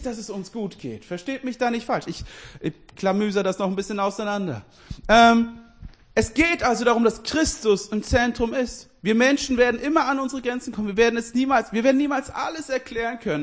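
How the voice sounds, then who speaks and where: A man giving a casual sermon, talking straight to his listeners with frequent restarts and light laughter. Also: very high voice. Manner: informal, addresses listeners directly, laughs often; restarts and self-corrections. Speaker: preacher.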